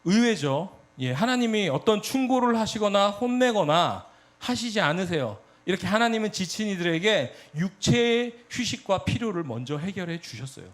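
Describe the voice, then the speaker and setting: A man preaching a sermon to a youth congregation, telling a story in a lively, direct way and often speaking straight to his listeners. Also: high-pitched, normal speed. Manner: animated storytelling, addresses audience directly. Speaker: youth pastor.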